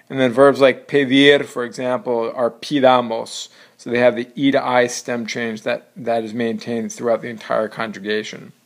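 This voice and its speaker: Man explaining grammar step by step. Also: mid-range voice. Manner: explains step by step, says "so" and "right" a lot, slows down on example words. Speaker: Spanish teacher. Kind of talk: recorded grammar lesson, mixing English and Spanish.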